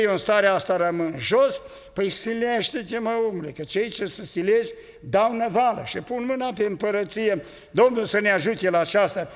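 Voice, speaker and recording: A man's voice: high voice, fairly bright tone, in a large hall. An older man preaching an earnest sermon to a congregation, exhorting them and recounting visions.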